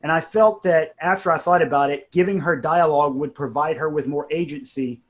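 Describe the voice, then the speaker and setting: Talking fairly quickly in a voice on the high side, this audio drama writer and narrator casually reflects on how he creates his work.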